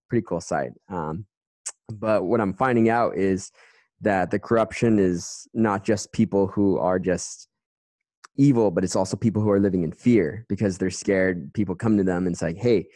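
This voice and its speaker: A man hosts a casual interview in a very low, deep voice. The sound is close and dry, with no room echo. He speaks haltingly, restarting phrases and filling gaps with "um". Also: a little mellow. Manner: halting, restarts often, many "um"s.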